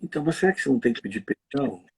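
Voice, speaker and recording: A man preaching conversationally on a livestream, telling stories in a lively, slangy way. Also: medium pitch, breathy edge. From Rio de Janeiro. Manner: lively storytelling, slangy, quick asides.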